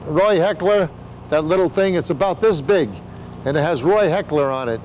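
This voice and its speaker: A man's voice: a little high, moderate pace, darkish tone, slight background noise, rough recording. An older man explaining things in a casual interview, with rambling showman patter and joking asides. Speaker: veteran sideshow talker explaining flea circus.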